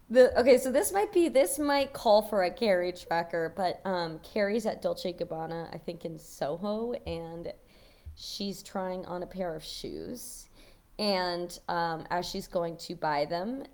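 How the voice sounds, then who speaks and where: Taking her time in a lowish, slightly mellow voice, a woman co-hosts a podcast and casually discusses a TV show. She feels her way through what she wants to say and giggles often.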